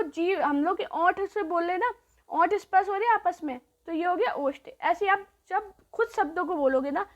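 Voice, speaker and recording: A woman teaching grammar speaks with an extremely high pitch, answering her own questions, repeating each point, and drawing out the sounds slowly.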